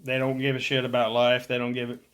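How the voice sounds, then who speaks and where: A man hosting a casual movie podcast, retelling scenes with many restarts and quick acted quotes. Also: mid-range voice, completely flat delivery, clear, resonant tone. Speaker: podcast host.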